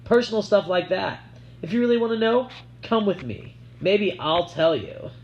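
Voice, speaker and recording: A man's voice: sits high, lively intonation, normal speed, highs cut off, slight background noise, pitched above the performer's own voice. A man reading an audiobook, voicing a sly, show-off young girl who taunts in a sing-song way. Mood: teasing.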